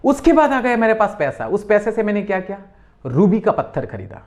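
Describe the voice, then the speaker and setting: A man's voice: sits high, fairly quick. A middle-aged man with an Indian accent teaching a memory trick as a story, quizzing listeners and repeating key words. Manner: lively call-and-response, repeats key words, quizzes the viewer. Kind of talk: storytelling mnemonic lesson.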